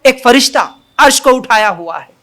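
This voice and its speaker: A man's voice: very high-pitched, expressive, sharp tone. A man preaching a sermon, building long repeated lists and rhetorical questions and stretching out the call of God's greatness. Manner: emphatic, drawn-out takbir calls. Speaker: Islamic preacher. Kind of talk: Urdu sermon.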